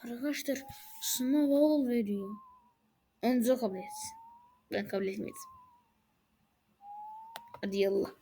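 A woman hosting a game channel, giving casual gameplay commentary with excitable, exclaiming reactions. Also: on the high side, measured pace, pauses often, a little hiss or hum.

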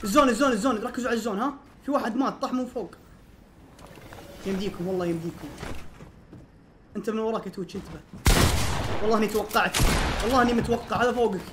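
A man, streaming a game and calling out to his teammates with urgent repeated commands that burst into excited shouting. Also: high voice, racing, long pauses, background noise. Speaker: gaming streamer. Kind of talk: live game commentary to teammates. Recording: loud game music under voice. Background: game music and gunfire.

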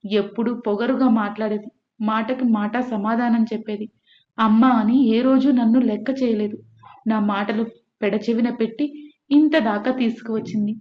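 A woman reading the part of a bedridden mother, scolding loudly and bitterly. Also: fairly high pitch, steady tone, moderate pace, natural voice. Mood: furious scolding. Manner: shouting, scolding. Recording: echoey room, dull lo-fi.

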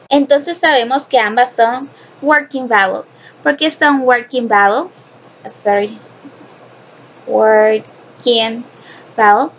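A woman gives a phonics lesson in a slow, unhurried way, with a voice pitched a little high. She explains each step patiently and often repeats her point or checks with a question. The recording is dull and lo-fi, with a faint hiss behind her. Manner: explains slowly, repeats and asks rhetorical questions; mixes Spanish and English. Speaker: English phonics teacher. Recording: dull lo-fi sound with faint noise.

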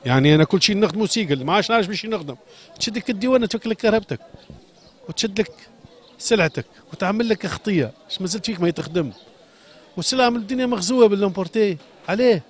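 A shoemaker from Sfax, speaking with a Tunisian Arabic accent, pours out an impassioned, agitated complaint during a street interview, repeating his questions and pleading. His voice is high, animated and racing.

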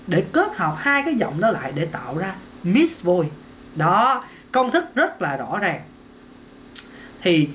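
A man's voice: high-pitched, a bit bright, slight background noise. A man giving a casual singing lesson, chatty, repeating words and dropping in little "ok"s. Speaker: singing teacher. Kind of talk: casual vocal lesson to camera.

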